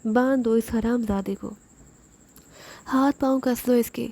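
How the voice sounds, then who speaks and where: A woman's voice: fairly high pitch, steady tone, mellow. A woman voicing a furious feudal lord barking cruel orders at his men. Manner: commanding, furious.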